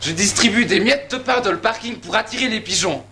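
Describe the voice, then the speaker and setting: A man's voice: high voice, brisk, pushed and bright. A man playing a lazy, scheming young man who speaks in a wry, mocking monologue, in an amateur stage comedy. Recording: echoey stage.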